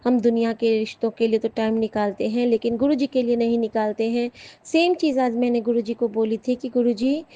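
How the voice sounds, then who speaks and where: A woman's voice: a little high, steady tone, fairly quick, mellow, lo-fi sound. A woman giving an earnest, emotional devotional testimony to her listeners in a casual satsang talk. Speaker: satsang speaker.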